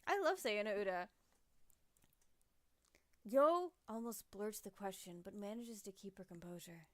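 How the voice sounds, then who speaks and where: A woman's voice: medium pitch, fairly quick, dry recording. A woman streamer reading a game's narration aloud in a casual way, joking and stumbling over words now and then. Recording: music playing under voice. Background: game music.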